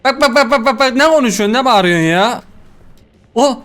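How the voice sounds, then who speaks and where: A man's voice: very high voice, expressive, a little fast, a bit bright. A young man giving casual let's-play commentary on a horror game, jumpy and swearing, talking back to the game at a desk mic. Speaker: gaming YouTuber.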